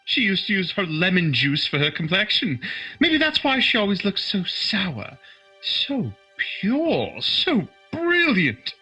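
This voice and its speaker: Lively Doctor Watson, played by a man. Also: sits high, slow, slightly rough, exaggerated voice, low-quality recording. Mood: eager, awed. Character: Doctor Watson, chatty, naive sidekick and genial storyteller. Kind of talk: old-time radio detective drama. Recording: music behind the voice.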